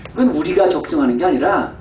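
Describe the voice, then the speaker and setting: High-voiced preaching man in an echoey church. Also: lively intonation, fast talker, phone-quality sound, a little hiss or hum. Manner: swings from low, quiet asides to high, heated emphasis; acts out quoted complaints in an exasperated voice. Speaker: pastor. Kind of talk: sermon. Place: church sanctuary. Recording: echoey, far-off, phone-thin church recording.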